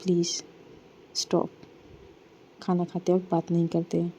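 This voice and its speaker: Hesitant, reserved young woman, voiced by a woman narrator, low flat delivery, lo-fi. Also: unhurried, breathy edge. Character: shy, cautious young woman.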